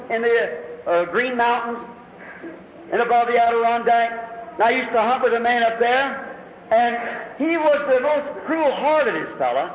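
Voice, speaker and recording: A man preaching a sermon, telling stories dramatically and rising to shouts. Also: very high voice, a little hiss or hum. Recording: echoey hall, dull lo-fi recording.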